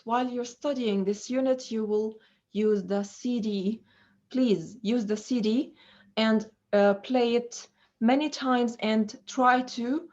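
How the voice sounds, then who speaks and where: Slow-paced woman teaching English pronunciation. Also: a little high. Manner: slow and deliberate, many fillers. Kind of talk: pronunciation lesson. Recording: dull lo-fi recording.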